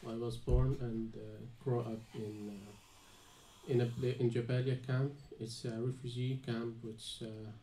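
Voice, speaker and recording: A young adult Palestinian man from Gaza, a student and panel guest, gives a personal account before a live audience in a small, dim venue. He is hesitant, with many fillers and restarts. His medium-pitched, mellow voice has little pitch movement and a measured pace, heard in an echoey room with slight background noise.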